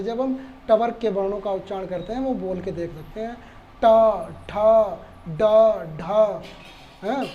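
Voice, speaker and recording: ऊँची आवाज़ वाला धैर्यवान शिक्षक पुरुष. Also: male voice, sits high, mellow, lo-fi sound, slight background noise. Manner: patient, repeats points and asks rhetorical questions. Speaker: Sanskrit teacher. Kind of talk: explaining lesson.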